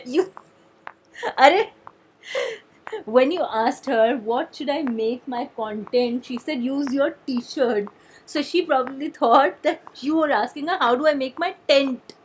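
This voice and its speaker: A woman's voice: sits high, unhurried, a little hiss or hum, low-quality recording. A mother, explaining things hesitantly with many fillers. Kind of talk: casual family talk.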